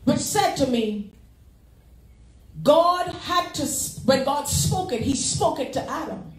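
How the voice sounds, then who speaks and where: A woman associate pastor preaching a sermon, animated, with congregation call-and-response. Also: sits high, takes it slowly. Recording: echoey church sanctuary.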